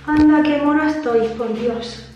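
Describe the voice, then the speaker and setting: A young woman with a Spain Spanish accent, chatting casually and excitedly to her viewers as a vlogger. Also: high voice, a little slow, lo-fi sound. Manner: chatty and exclamatory. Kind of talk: casual chat to camera. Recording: very echoey room, faint music.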